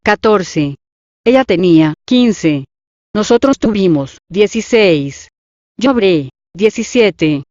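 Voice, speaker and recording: A woman reading out the instructions and numbered items of a language exercise, in a measured, even dictation. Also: medium pitch, no echo. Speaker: lesson reader. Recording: dull dry lo-fi audio.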